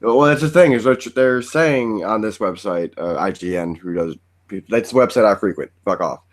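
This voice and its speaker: Laid-back low-voiced young man. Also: moderate pace. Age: 20s. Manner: laid-back, joking, laughs often. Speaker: podcast co-host. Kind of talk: casual chat.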